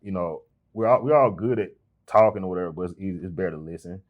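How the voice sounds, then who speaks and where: Deep fast-talking man. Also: phone-quality sound. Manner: relaxed, conversational, acts out voices when telling stories. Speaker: freight broker, podcast guest. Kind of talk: casual interview talk.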